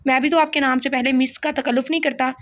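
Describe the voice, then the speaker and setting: Brief: a brusque, proud young hero in an audio novel, curt and matter-of-fact, read by a woman narrator in her own high voice. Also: steady tone, fast, fairly bright tone. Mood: friendly.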